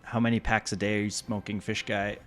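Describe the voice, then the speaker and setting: A man giving casual, relaxed commentary while he plays a video game, thinking aloud with many pauses and ums. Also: on the low side, faint music behind. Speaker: gameplay commentator.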